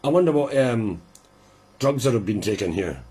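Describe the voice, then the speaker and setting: A man hosting a live listening party, chatting casually and rambling with quiet amusement as the record plays. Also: medium pitch, lively intonation, moderate pace, breathy edge.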